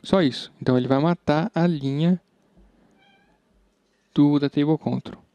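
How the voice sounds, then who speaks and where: A man's voice: a little high, measured pace, mellow. A man with a Brazilian accent teaching programming in a casual screen-recorded tutorial, chatty and informal, thinking aloud as he works. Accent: Brazilian Portuguese. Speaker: programming instructor. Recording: dull, slightly lo-fi sound.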